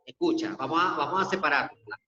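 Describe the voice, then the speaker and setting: Male teacher, online class, slow methodical delivery, dull boomy reverb. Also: lively intonation, bright, forceful tone. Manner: slow, methodical step-by-step explaining. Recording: echoey dull lo-fi room audio.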